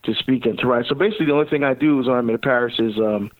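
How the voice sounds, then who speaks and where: A middle-aged man from Barbados, a deacon, telling his story in a relaxed interview and chuckling often, with many fillers. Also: medium pitch, racing, no echo. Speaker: deacon and guest speaker. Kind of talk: casual interview talk. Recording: tinny phone-like line, dry.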